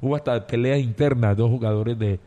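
A man's voice: medium pitch, brisk, mellow, dull audio. A man co-hosting a casual football chat who asks questions and restarts his sentences often. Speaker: sports radio co-host.

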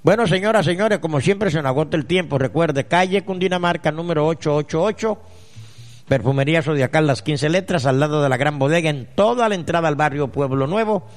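A man's voice: on the high side, brisk. A man who reads listeners' letters on air and answers them with solemn, earnest mystical advice. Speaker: radio spiritual advisor answering letters. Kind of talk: radio call-in letter reading and advice.

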